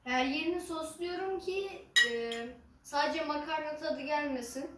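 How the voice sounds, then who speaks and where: A woman chatting casually to viewers as an eating vlogger, halting and unhurried, with some drawn-out words. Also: high-pitched. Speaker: mukbang ASMR vlogger. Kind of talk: casual chat to camera while eating. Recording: roomy echo, distant mic, faint noise.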